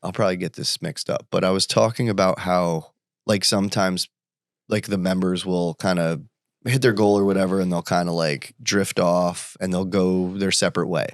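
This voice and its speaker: A man in his thirties from the United States, chatting casually as a podcast guest and telling animated stories. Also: no room sound, clean studio sound. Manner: animated, quick jumps in pitch when quoting people. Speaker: podcast guest, entrepreneur and father. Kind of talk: casual conversational storytelling.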